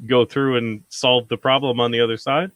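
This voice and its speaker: A man's voice: medium pitch, level tone, normal speed, a bit bright, no echo. A man playing a tabletop game, chatting casually and asking questions.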